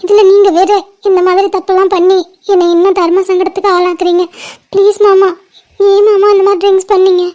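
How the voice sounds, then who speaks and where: A lovesick young woman in a homemade cartoon, voiced by a woman, pleading through tears in a very high, thin voice. Her pitch barely moves, flat and stuck up high, with a soft, dark tone rather than a sharp one. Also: a little fast, lo-fi sound. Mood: tearful pleading. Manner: pleading, weepy.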